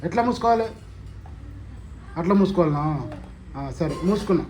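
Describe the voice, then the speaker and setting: A woman's voice: on the low side, expressive, brisk, mellow, slight background noise. A woman with a Telangana Telugu accent filming a casual home vlog, chatting to the camera and coaxing and teasing her children. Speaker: family vlogger.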